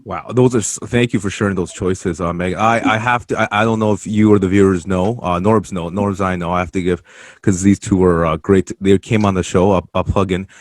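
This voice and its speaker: A man with a lowish voice and a dry, close sound hosts a casual interview. He is enthusiastic and halting, stammering as he builds his questions. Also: fairly even intonation, no room sound. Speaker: show co-host, interviewer.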